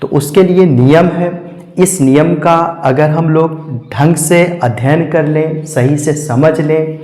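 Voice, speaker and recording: A male English teacher with a Hindi accent gives a classroom lesson, going slowly and repeating each rule and spelling out words letter by letter. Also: a little high, dark tone. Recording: echoey classroom with long reverb.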